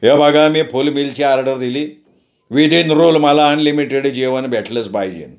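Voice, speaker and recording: A man's voice: mid-range voice, a little slow, lightly acted. Brief: male reader as greedy young eater, blunt and insistent. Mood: demanding. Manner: blunt, demanding.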